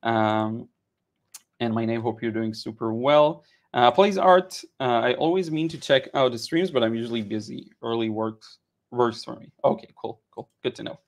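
Speaking at a normal pace with a medium pitch, this Israeli man in his thirties teaches watercolor on a live stream, explaining colors and replying to chat. His talk is loose and easygoing, peppered with "uh"s, repetitions and restarts, picked up indoors by a headset mic in his home studio.

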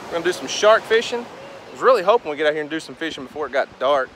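A man's voice: on the high side, expressive, rapid-fire, fairly bright tone. A man in his thirties, vlogging about fishing, talking upbeat and chatty to a camera at arm's length on a windy beach. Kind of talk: casual outdoor vlog. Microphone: handheld camera at arm's length.

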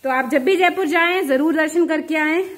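A woman's voice: high voice, normal speed. A young woman from Jaipur chatting casually in her home vlog, playful and teasing. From Jaipur, India. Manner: chatty, playful, laughs and teases. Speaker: vlogger. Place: at home, indoors.

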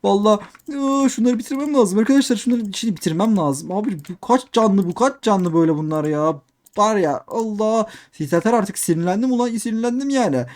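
A young man doing excitable game commentary, repeating himself and talking straight to his viewers. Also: high-pitched, a little fast. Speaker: gaming youtuber. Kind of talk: let's play commentary.

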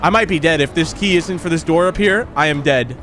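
A young man giving casual commentary as he plays a horror game, sounding scared, jumpy and full of excitable exclamations. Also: fairly high pitch, fairly quick. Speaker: video game streamer. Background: game music and sound effects.

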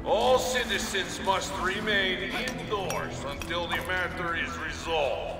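An actor playing a cold, commanding male announcer of a police state, heard as a public address loudspeaker in a game. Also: high-pitched, slow pace. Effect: loudspeaker announcement across the city. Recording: echoey, distant, loud game music.

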